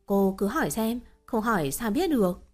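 Bossy middle-aged village woman, loud and scolding, read by a woman narrator. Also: mid-range voice, very animated, normal speed, soft background music. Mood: coaxing.

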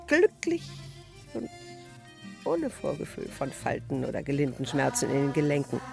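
In a dramatic radio monologue, an actress plays a melancholic fifty-year-old woman who clings to her youth yet seems resigned. Her mid-range, creaky voice draws out phrases expressively.

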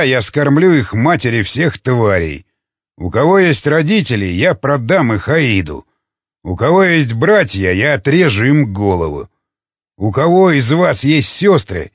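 A man's voice: mid-range voice, breathy edge, no room sound. Guy reading a vicious furious hunter dad from a grim audiobook, snarly and threatening, voice jumping all over, dry dull sound. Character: brutal enraged male hunter, father of a kidnapped daughter.

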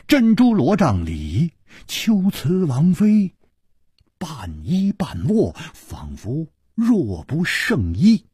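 A man narrating a traditional broadcast story with dramatic, drawn-out phrasing. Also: on the high side, wildly swooping pitch, dark tone, breathy edge, no echo.

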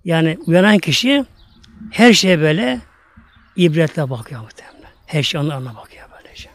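High voiced preacher guy, emphatic sermon, tells stories to the congregation. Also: very animated. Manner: emphatic, draws out Arabic verses slowly; addresses congregation repeatedly. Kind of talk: sermon with storytelling.

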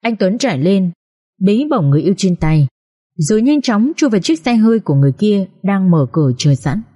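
A woman narrating a family drama audiobook in an expressive, emotional reading. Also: medium pitch, a little fast, breathy edge.

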